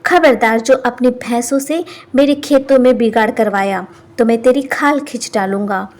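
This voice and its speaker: A woman's voice: a little high, moderate pace, natural voice. Woman playing a bossy village headman. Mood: scolding. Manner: scolding, commanding. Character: bossy middle-aged male village headman.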